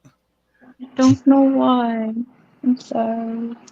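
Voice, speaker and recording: A woman guest on a remote call, soft-spoken and apologetic, whose voice sounds muffled and distant as if she were in a tunnel. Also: a little high, little pitch movement, extremely slow, vocal fry, very noisy. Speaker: guest, interior designer. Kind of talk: casual chat over a remote call.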